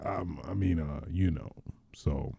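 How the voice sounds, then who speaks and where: A man hosting a casual gaming podcast who talks in an excitable, rambling way, with many fillers and restarts, into a podcast mic. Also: extremely low pitch, takes it slowly, vocal fry, husky, no room sound, studio quality. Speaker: podcast host.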